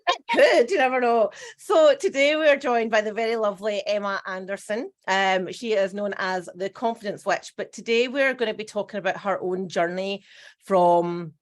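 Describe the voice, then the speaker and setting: A woman's voice: medium pitch, moderate pace. A middle-aged Scottish woman hosting a casual podcast chat, with a self-mocking, dramatic way of talking. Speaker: podcast host.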